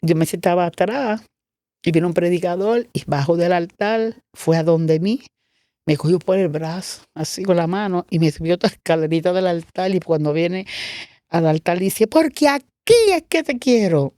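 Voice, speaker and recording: A woman's voice: lowish voice, moderate pace, warm tone, dry recording, clean studio sound. A woman pastor giving her testimony in an interview, telling her story with feeling and acting out the dialogue she quotes.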